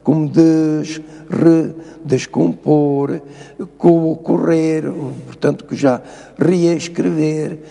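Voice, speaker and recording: Gravelly older professor, didactic. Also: male voice, fairly high pitch, steady tone, extremely slow, mellow, long reverb tail. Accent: European Portuguese. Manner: didactic, lecturing, insistent. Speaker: linguistics professor, guest. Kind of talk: TV studio interview.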